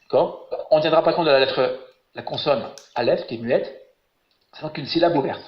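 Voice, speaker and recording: A man's voice: on the high side, moderate pace, roomy sound, dull audio. A man teaching a biblical Hebrew grammar lesson online, patient and encouraging, asking his students questions. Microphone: webinar call audio.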